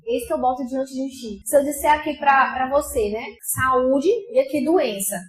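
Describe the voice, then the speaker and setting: A woman pastor with a Brazilian accent preaching a sermon, shifting between loud outbursts and soft asides. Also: sits high, normal speed. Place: church sanctuary. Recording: echoey church hall with faint music.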